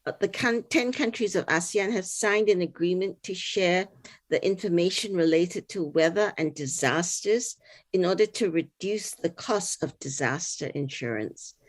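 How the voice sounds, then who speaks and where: A middle-aged woman from Singapore, speaking as a panelist on a video call in a measured, informative way. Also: fairly low pitch. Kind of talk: online panel talk.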